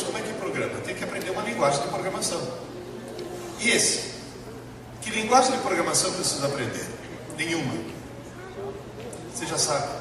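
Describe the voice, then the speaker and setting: A high-voiced Italian professor, Italian being his first language, gives an animated, motivational educational lecture to a live audience in a large hall. He's emphatic, using dramatic pauses and repetition, and the distant mic picks up an echoey, noisy room.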